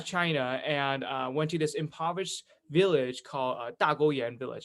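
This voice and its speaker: A teenage boy from California, a student presenter and education executive of a youth charity, gives an informal online presentation. His voice sits on the high side and is a bit bright, and he tells stories in a chatty, enthusiastic way.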